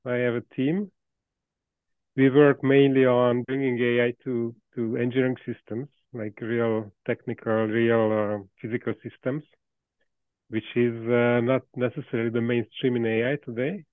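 A man in his fifties with a Hungarian accent, a guest researcher speaking in a casual interview, thoughtful and halting with many restarts and soft laughs. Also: medium pitch, level tone, smooth, no room sound. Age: 50s. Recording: dry tinny call audio.

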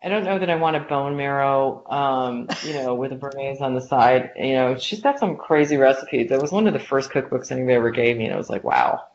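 A woman's voice: a bass voice, fast talker, few pauses, darkish tone, lo-fi sound, a little hiss or hum. A woman guest in a conversational interview, chatty and self-deprecating, with lots of "like" and fillers. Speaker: interview guest, business leader.

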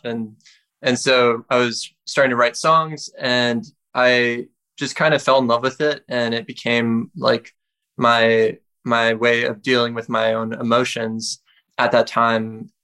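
Flat-toned young man from Wisconsin. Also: medium pitch. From Wisconsin, United States. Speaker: musician guest. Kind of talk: casual interview talk.

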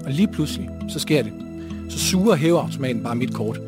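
A man telling a personal story on stage, lively and animated, acting out the quotes. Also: mid-range voice, over music. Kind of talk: live storytelling.

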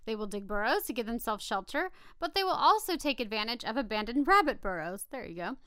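A woman co-hosting a casual animal-facts podcast, reading from notes with chatty asides and an expressive, playful way of talking. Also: a little high, fairly quick, clean tone, dry recording, clean studio sound. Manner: giggly, expressive, stumbles playfully over scientific words. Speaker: podcast co-host.

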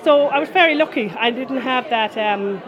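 A woman's voice: a little high, moderate pace, muffled recording. Woman in her forties, west of Ireland accent, casual rambling storyteller, crowd murmur behind. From Connemara, west of Ireland. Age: 40s. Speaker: interviewee, folk musician. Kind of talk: casual chatty interview. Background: crowd after a concert.

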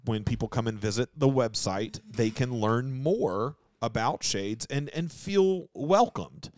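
A man talks through ideas as he goes, circling and restarting in a loose, casual discussion. His voice sits at an ordinary middle pitch. The sound is dry and close, with no room echo. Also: animated, unhurried, a little mellow. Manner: thinks aloud, rambling. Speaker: podcast co-host.

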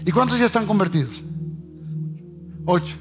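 A man preaching a fervent sermon as pastor, switching between shouted sing-song lines and low, quiet murmurs. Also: animated, normal speed. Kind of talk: Pentecostal-style sermon. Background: music playing.

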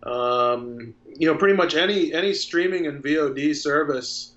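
A man's voice: fairly high pitch, moderate pace, a bit bright. A man in his thirties, a filmmaker guest in a casual interview, talking in a reflective, earnest way. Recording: dull lo-fi sound.

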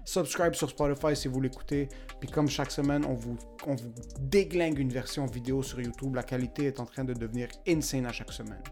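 Brief: young male podcast host, quick and blunt, slips in English words. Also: mid-range voice, steady tone, a little mellow, faint music behind. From Quebec, of Lebanese parents. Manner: fast and candid, swears freely, mixes in English words. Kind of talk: casual podcast chat.

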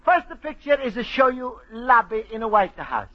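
A man's voice: extremely high pitch, very animated, moderate pace. An actor playing a cheerful Italian immigrant man who writes home to his mother, speaking broken English with an Italian accent and a giggly, sentimental manner, in a 1940s-style radio comedy. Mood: fond. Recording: dull old radio broadcast.

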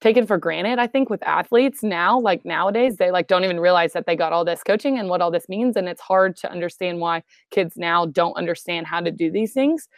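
Woman in sports psychology, conversational, slightly low pitch, dry close sound. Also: brisk, few pauses, no echo. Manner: chatty, frequent "um" and "right?". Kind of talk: conversational explanation.

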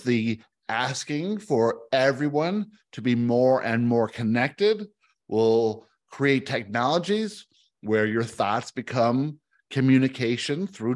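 A man teaching spiritual ideas in answer to questions, in an oracular manner, with emphatic, repeated phrases in short deliberate clauses. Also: medium pitch. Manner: oracular, speaking as a collective "we".

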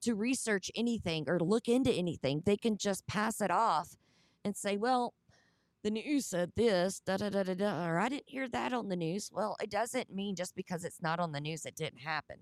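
Southern woman, host of a Bible study livestream; chatty, mid pitch, dry close sound. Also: normal speed, no echo. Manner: chatty, conversational with fillers.

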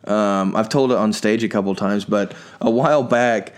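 A man's voice: fairly low pitch, moderate pace, smooth. A man hosting his own podcast as a stand-up comedian, telling family anecdotes in a loose, rambling way and thanking his listeners. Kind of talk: casual storytelling chat.

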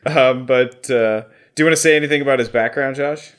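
A man's voice: mid-range voice, fairly quick, fairly bright tone, clear, resonant tone. Playful man co-hosting a podcast. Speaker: podcast co-host. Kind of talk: casual podcast chat.

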